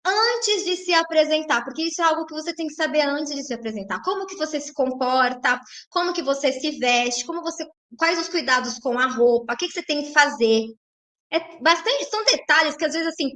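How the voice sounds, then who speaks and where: A woman with a Brazilian Portuguese accent, a belly dance teacher talking chattily to her viewers on a live stream, often tagging her sentences with "né?". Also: sits high. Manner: chatty, tags lines with "né?"; animated, reads viewers' chat messages aloud.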